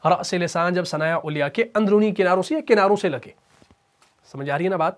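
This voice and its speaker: A man teaching a tajweed lesson. He explains pronunciation briskly and drills syllables slowly and repeatedly. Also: high voice. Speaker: Quran recitation teacher. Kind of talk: tajweed lesson with recitation examples.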